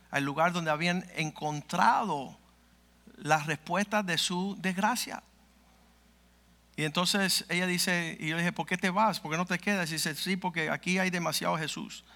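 High, bright-voiced male pastor preaching. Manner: vivid storyteller acting out dialogue. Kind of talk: sermon testimony storytelling.

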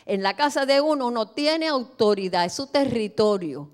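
A woman's voice: fairly high pitch, animated, moderate pace. Emphatic woman preaching a sermon. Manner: emphatic, swings between soft asides and loud declarations. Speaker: pastor. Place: church.

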